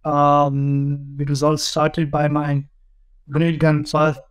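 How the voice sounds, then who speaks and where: A man from Nepal, a podcast guest speaking politely and in a measured way. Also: fairly high pitch, completely flat delivery, smooth. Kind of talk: interview podcast.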